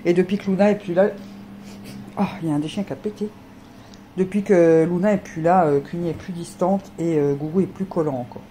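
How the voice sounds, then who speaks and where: Woman, slightly low mellow voice, slight lisp, casual pet vlog chatter outdoors. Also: steady tone, a little fast, slight background noise, rough recording. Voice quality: slight lisp from new teeth. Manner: coos baby talk to her dogs between asides. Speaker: vlogger. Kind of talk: casual vlog chat with pets. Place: outdoors in a dog enclosure.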